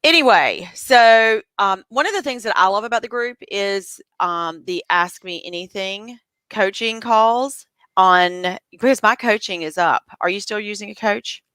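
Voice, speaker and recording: A woman's voice: medium pitch, a little slow, a bit bright, clean tone, dry recording. A woman hosting a casual live interview, chatty and troubleshooting aloud, with a cough drop in her mouth. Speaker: livestream host.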